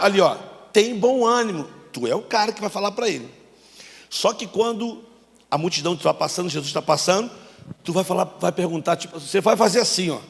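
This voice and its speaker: Pastor guy running a bible skit during a sermon, yells cues and jokes around, echoey church hall. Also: sits high, gravelly. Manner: coaching volunteers, shouting cues and joking. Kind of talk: sermon with a staged Bible scene.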